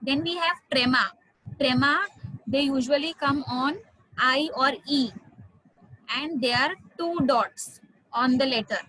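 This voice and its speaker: An Indian woman teaching a French class online, explaining slowly, spelling words out and switching into Hindi. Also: high-pitched, pushed and bright, a little hiss or hum, poor audio.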